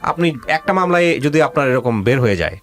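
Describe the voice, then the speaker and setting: His voice leans high, expressive and fairly bright as this male radio host, Bangladeshi-accented, briskly advises a guest on a life-story show. He pushes insistently with questions and weaves in English phrases.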